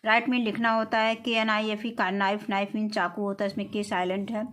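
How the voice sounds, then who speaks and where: A woman with an Indian English accent working through textbook exercises. She slows right down to read each answer in English, then explains it in Hindi, filling pauses with soft "uh" sounds. Her voice sits at an ordinary middle pitch. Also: flat delivery. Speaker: English teacher.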